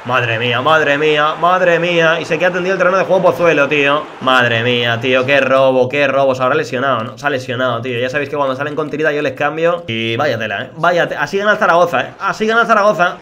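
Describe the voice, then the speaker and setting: Young man from Spain, gameplay commentator, rapid speech, excitable, chatty with viewers. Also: medium pitch. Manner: excitable, talks to viewers as chavales and familia, reacts loudly to plays. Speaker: gaming YouTuber.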